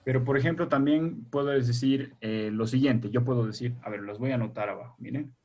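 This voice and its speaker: A man with a husky, slightly breathy voice teaches a primary school class over a video call. He explains patiently, one step at a time, and keeps checking with his pupils through questions. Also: mid-range voice, brisk, a little mellow.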